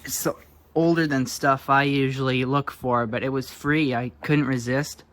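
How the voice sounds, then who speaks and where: A hobbyist presenter shows off vintage electronics in a casual, unscripted show-and-tell, thinking aloud in an offhand, hesitant way. His mid-range voice has a steady, fairly bright tone and moves at a moderate pace.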